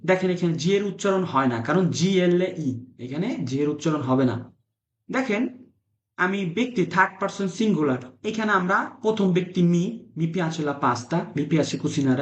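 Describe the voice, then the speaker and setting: High-voiced man teaching Italian online. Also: normal speed, echoey room. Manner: repeats words and phrases for students; asks students questions. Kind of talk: online class lesson. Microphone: video call.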